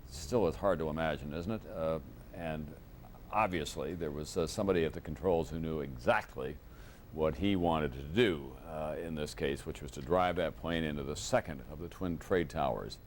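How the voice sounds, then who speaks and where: A male news anchor with a very low voice speaks in a measured, grave way, pausing often and filling gaps as he talks through live coverage. The sound comes from an old VHS tape of a TV broadcast, with a faint hiss behind it. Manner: measured, grave, with frequent pauses and fillers. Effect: old VHS tape recording of a TV broadcast.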